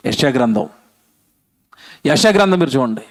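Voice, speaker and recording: A man preaching a sermon at a public meeting, animated, asking the crowd questions and reading Bible verses aloud. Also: medium pitch, moderate pace, dry recording.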